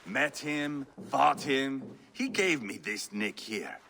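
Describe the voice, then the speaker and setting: A swaggering Viking warlord in a video game, crude and scornful, with a bright, forceful voice that swings up and down as he taunts. He sneers at everyone around him. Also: mid-range voice, animated, slow pace, vocal fry, a little hiss or hum, heavily acted. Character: brash scarred Viking warlord, boastful and scornful.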